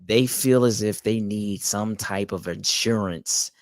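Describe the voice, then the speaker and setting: A man co-hosting a casual discussion podcast, speaking in a reflective, measured way with some hesitations. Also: on the low side, no echo, studio quality. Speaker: podcast co-host.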